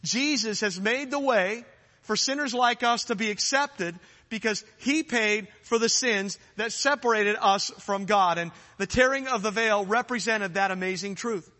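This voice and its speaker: A man's voice: high-pitched, a little slow, bright, forceful tone. A man preaching a sermon, urgent and rising to fervent challenges at times. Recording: long hall reverb.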